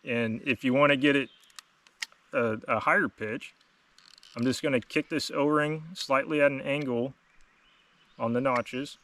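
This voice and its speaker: A man's voice: medium pitch, steady tone, unhurried, long pauses, a bit bright, distant mic. A man giving a casual, plain-spoken instructional product demonstration as host. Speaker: host demonstrating duck calls.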